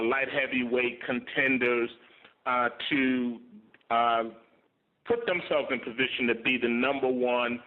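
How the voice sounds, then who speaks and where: A man working as a reporter, asking questions haltingly on a press conference call over the phone. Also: mid-range voice, phone-quality sound.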